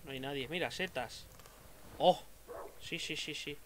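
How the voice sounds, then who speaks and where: A man with a Spain Spanish accent doing excitable let's-play commentary, muttering to himself and then swearing and shouting at enemies. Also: a little high, measured pace, a little hiss or hum. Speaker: gaming youtuber.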